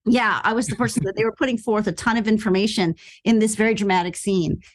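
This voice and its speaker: In a relaxed interview, a middle-aged actress appearing as a podcast guest tells a story and performs the quoted lines with abrupt leaps in pitch. Her female voice moves quickly but keeps a steady tone.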